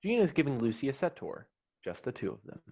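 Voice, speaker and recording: A man with a medium-pitched, sing-song, warm voice reads screenplay stage directions at a quick pace, acting as narrator for a scripted table read. The online call audio sounds slightly dull.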